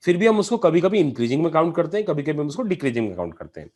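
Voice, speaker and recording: Male math teacher, step-by-step lecture, animated and slightly high-pitched. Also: very fast. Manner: explains step by step, asking students questions; mixes in English math terms. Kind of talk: classroom lecture on calculus.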